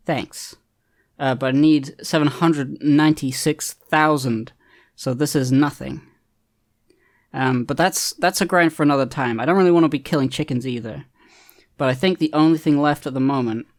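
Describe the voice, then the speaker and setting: Laid-back male gamer narrating his own play, meandering, lots of ums, lightly self-mocking. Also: medium pitch. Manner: rambling, hesitant, many ums and restarts. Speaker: gaming video creator. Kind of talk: casual gameplay commentary.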